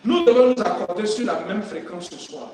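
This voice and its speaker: A man preaching a sermon, fervent and swinging between shouting and quiet, calling to the congregation for responses. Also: high-pitched, lively intonation, normal speed. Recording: echoey hall from far off, music.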